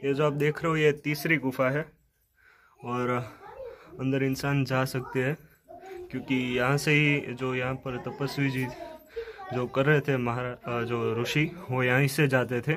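A man in his 20s, working as a vlogger and on-site guide, explains things to viewers in a casual vlog style and often repeats himself. His mid-range voice is level and a little slow, with slight background noise and loud instrumental music under his speech.

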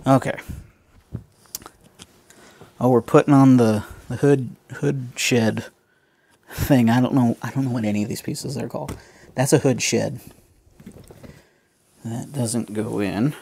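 A man talks slowly and chattily to his viewers while he builds, teasing himself about his fumbling progress. His voice sits in a middle range and is recorded close and dry, with no room around it. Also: medium pitch, mellow, husky, no room sound. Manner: chatty, self-mocking, talks to viewers as folks. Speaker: vlog host building a toy kit. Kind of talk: casual unscripted build commentary.

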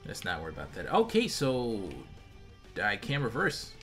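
A young American man giving casual, slangy, animated commentary as he plays a video game. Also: medium pitch, normal speed. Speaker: gaming video host. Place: indoor room at home, facecam. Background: game music.

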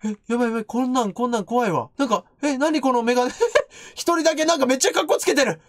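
A man's voice: very high-pitched, no echo, clean studio sound. A man doing jumpy, teasing commentary on a horror game he is streaming. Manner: jumpy, loud, teasing, quick to shriek. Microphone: studio microphone.

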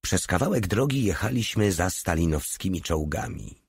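A man narrating an audiobook in a steady, measured reading. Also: deep voice, vocal fry, husky, dry recording.

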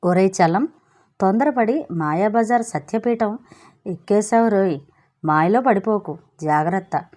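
A woman's voice: medium pitch, a little slow, darkish tone, lightly acted. A woman voicing Chinna, a sarcastic and wary young man who teases his friend. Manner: mocking, wary.

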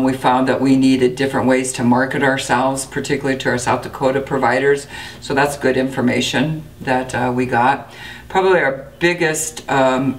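A woman in her sixties, a dental clinic director, giving a steady, matter-of-fact interview with frequent fillers. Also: very deep voice, recorded from a distance. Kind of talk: interview to camera. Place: indoor clinic room.

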